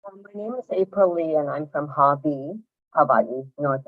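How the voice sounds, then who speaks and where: A woman testifying on a remote call through a headset, her audio cutting in and out with clipped endings as she speaks haltingly and apologetically. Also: deep voice, no room sound. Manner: halting, apologetic, trailing off mid-sentence. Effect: choppy audio cutting in and out, clipped endings. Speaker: public testifier calling in. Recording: dry, tinny call-in line.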